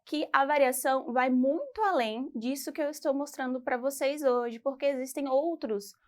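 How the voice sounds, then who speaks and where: Brazilian woman teacher, slightly high voice, patient explanatory lesson delivery. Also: normal speed. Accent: Brazilian Portuguese. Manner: patient, explanatory, frequent "tá?" check-ins. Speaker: English teacher. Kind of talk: educational video lesson.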